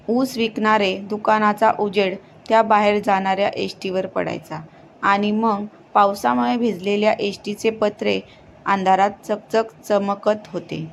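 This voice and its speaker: A woman narrates a horror story in a creaky, mid-range voice, reading steadily but often tripping over her words and restarting them. There's slight background noise.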